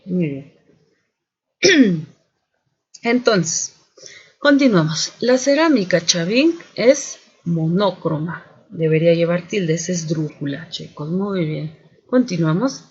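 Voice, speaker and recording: Slow, methodical male teacher. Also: high-pitched, husky. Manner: methodical, repeats "continuamos" and "muy bien". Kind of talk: spelling and accent lesson for students. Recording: dull lo-fi sound.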